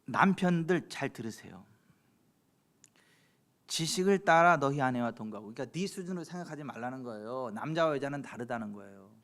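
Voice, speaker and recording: Korean pastor with a lively, rising voice. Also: male voice, medium pitch, fairly quick. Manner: swings from quiet asides to loud exhortations; chuckles at his own stories. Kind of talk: sermon. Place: church sanctuary at a late-night service.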